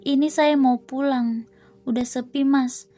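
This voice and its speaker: A woman's voice: sits high, steady tone, a little slow, mellow, soft background music. A woman voicing a friendly, easygoing male pedicab driver within a horror story.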